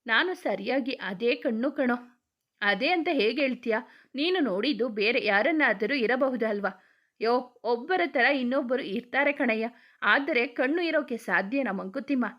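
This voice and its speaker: A woman's voice: a little high, lively intonation, normal speed, lo-fi sound. A woman narrating a romance story, voicing every character herself with emotional, chatty delivery. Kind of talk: dramatic romance story reading.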